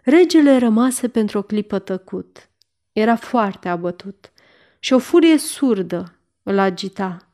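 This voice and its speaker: A woman narrating a historical novel as an audiobook, with a measured, expressive reading. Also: medium pitch. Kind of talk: scripted narration.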